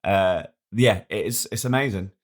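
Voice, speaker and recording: Low-voiced man, rambling podcast co-host. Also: normal speed. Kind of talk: casual comedic chat.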